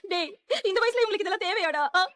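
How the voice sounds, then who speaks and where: A woman's voice: very high-pitched, very fast, fairly bright tone, no echo. An actress playing a grown daughter who is crying and pleading over her mother in a TV serial. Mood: tearful. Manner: sobbing, pleading. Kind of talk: TV serial acting.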